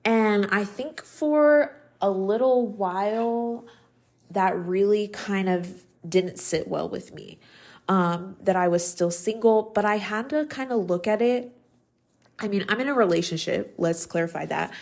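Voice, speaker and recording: A woman's voice: mid-range voice, measured pace, darkish tone. A woman in her thirties hosting a solo podcast, talking in a chatty, reflective way with lots of ums and likes. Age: 30s. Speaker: podcast host. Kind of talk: casual solo podcast talk.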